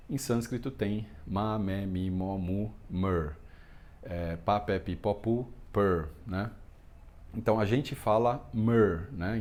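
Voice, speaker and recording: Male yoga teacher, lowish voice, relaxed explainer, chants mantra lines slowly. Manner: relaxed, explanatory, constant filler "né?". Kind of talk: explanatory lesson on a Sanskrit mantra.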